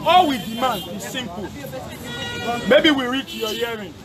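A young man addresses a street protest outdoors, stating demands forcefully and repeating his key points, filmed on a phone. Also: very high voice, animated, unhurried, loud music behind the voice. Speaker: protest speaker. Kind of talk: public speech at a street protest. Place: outdoors on a city street under a bridge. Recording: crowd noise outdoors.

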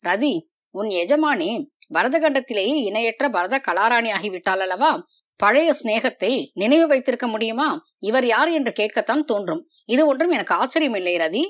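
A woman voicing a proud young male prince who teases and pleads in a storybook reading, with measured delivery. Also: on the high side, animated, close to an everyday voice. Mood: teasing.

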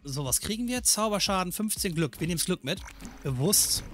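A gaming channel host gives animated, joking let's play commentary, scolding the game's enemies as he goes. He has a high voice and a moderate pace, with faint music behind him.

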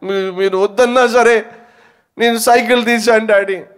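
A man's voice: sits high, steady tone, normal speed, clean tone, pitched above the performer's own voice, natural voice. A man voicing a crying young son who pleads with his father for forgiveness, repeating "daddy" as he wails. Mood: tearful confession.

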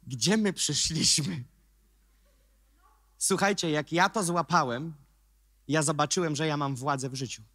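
A man preaching a sermon as pastor, emphatic, swinging from quiet remarks to shouted questions. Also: on the high side, normal speed, no room sound, studio quality.

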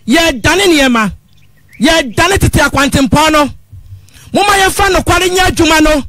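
High-pitched, pleading woman caller. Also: normal speed, fairly bright tone, dry recording. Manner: pleading, insistent, repeatedly addresses the host as father. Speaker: radio call-in caller. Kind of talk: impassioned phone-in complaint.

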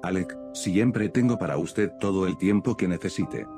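A man reading an earnest gentle young woman. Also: deep voice, normal speed. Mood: tender. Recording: music playing under the voice.

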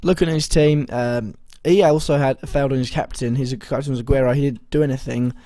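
A young man with a slightly hoarse voice that is still recovering, talking through his fantasy football week in a rambling way, full of ums and self-corrections. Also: mid-range voice, fairly even intonation, fairly quick, warm tone, no room sound. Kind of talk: casual video commentary.

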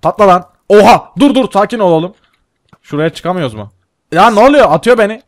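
Excitable young man, dry close sound. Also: sits high, fairly quick, dry recording. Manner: excitable, swears and laughs often. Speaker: gaming channel host. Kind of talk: casual gameplay commentary.

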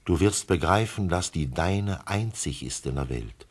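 A man voicing a wise, gentle male fox with a husky voice, speaking in a lively, heartfelt way in a classic radio play. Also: sits low, a little slow, exaggerated voice. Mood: wistful. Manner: lively, pleading, heartfelt delivery.

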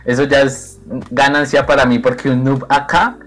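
A young man giving excited, playful commentary over his own gameplay, teasing his opponent and laughing often. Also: mid-range voice, moderate pace. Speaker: gaming video creator.

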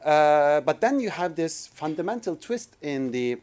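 Answering as a discussant on a conference panel, a Turkish man in his forties speaks from a lecture hall podium into its microphone at a measured pace. His slightly high, sing-song voice is a little mellow, and he hesitates frequently, restarting with fillers while gesturing with his notes.

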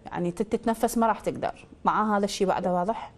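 A woman's voice: mid-range voice, very fast, a little hiss or hum. A woman with an Iraqi accent hosting a call-in astrology show. She quizzes a caller with probing questions, then gives confident pronouncements over a studio mic. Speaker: astrologer host.

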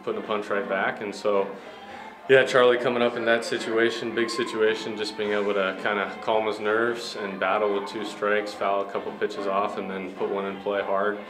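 In an echoey ballpark media room with clubhouse music in the background, a young adult baseball player speaks in front of a sponsor backdrop. His fairly low voice stays level at a normal speed as he answers post-game questions humbly and cheerfully, using many fillers.

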